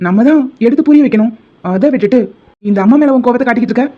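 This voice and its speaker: A woman's voice: fairly high pitch, racing, close to an everyday voice. A woman voicing a firm but fond father in a Tamil cartoon, stern and lecturing. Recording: dull lo-fi sound.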